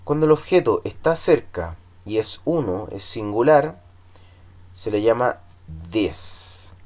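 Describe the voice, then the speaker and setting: Male teacher, unhurried classroom delivery, patient repetition drills. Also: mid-range voice, lively intonation, a little mellow. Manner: slow, patient drilling, repeats words for students to echo. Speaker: English teacher. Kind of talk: classroom lesson explaining in Spanish, drilling English numbers.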